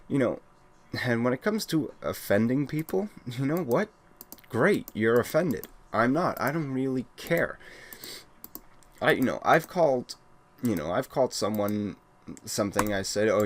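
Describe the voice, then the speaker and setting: Blunt, exasperated Welsh-born man. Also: on the low side. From Wales. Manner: blunt and exasperated, with frequent restarts. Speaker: gaming channel host. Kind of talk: casual ranting monologue.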